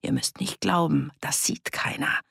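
A woman's voice: low-pitched, measured pace, vocal fry, fairly bright tone, husky, no room sound, clean studio sound, exaggerated voice. A woman reading an audiobook, voicing a furious older farm woman who scolds and sneers. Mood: scornful.

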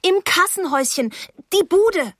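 A woman voicing a panicked young woman who pleads in a high, urgent, shrill voice. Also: lively intonation, measured pace, a bit bright, dry recording, clean studio sound, full character voice.

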